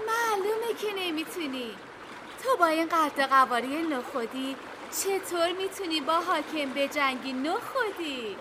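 An actor playing a cheerful, teasing river that calls out loudly in a radio play. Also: high voice, expressive. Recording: loud hiss on old broadcast tape.

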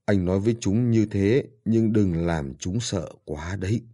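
A man reading as a frail old father on his deathbed, in pain and speaking weakly. His voice is deep, dark and husky, and it pleads for the daughters he misses. The character comes from an audiobook. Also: measured pace. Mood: pleading. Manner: weak, pained, pleading.

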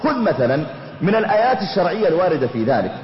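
Fast-talking preacher in an echoey hall. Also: male voice, high voice. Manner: lively storytelling, voicing the people in his anecdotes. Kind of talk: storytelling sermon. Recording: echoey hall, dull lo-fi recording.

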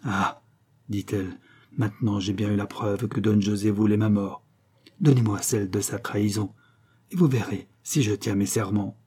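A man reading an audiobook and voicing a fierce, superstitious young woman who speaks in a hushed, intense voice. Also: on the low side, steady tone, moderate pace, slightly rough.

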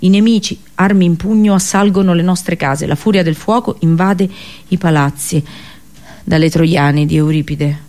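A deep, warm female voice belongs to an actress performing a solemn radio theatre monologue as a captive Trojan princess and prophetess. Her delivery is grave and sorrowful, shaped by literary, declamatory phrasing.

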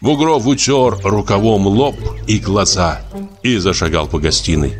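A man narrating a literary audiobook with an expressive, lively reading. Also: lowish voice, unhurried, faint music behind.

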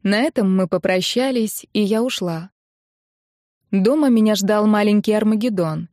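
A woman narrates a first-person novel in a steady storytelling voice. The recording is close and dry, with no room sound. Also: mid-range voice, normal speed, dry recording. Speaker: audiobook narrator.

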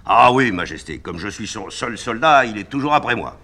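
A man's voice: lowish voice, lively intonation, moderate pace, sharp tone, voice pushed up. A man voicing a simple, good-humoured sentry soldier, read from a stage play. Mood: cheerful. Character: plain-spoken, cheerful male sentry soldier.

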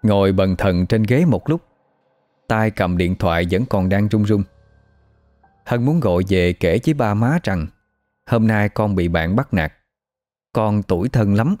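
A man narrating a story in a steady, dramatic audiobook style. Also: lowish voice, unhurried, long pauses, no echo.

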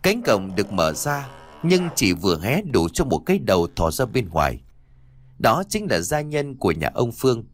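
Expressive male audiobook narrator. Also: fairly low pitch, normal speed. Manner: expressive storytelling. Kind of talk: ghost story audiobook narration.

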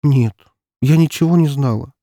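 A man voicing a frightened young woman on trial in an audiobook, answering quietly and tearfully. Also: medium pitch, normal speed, no room sound, clean studio sound, pitched above the performer's own voice, natural voice.

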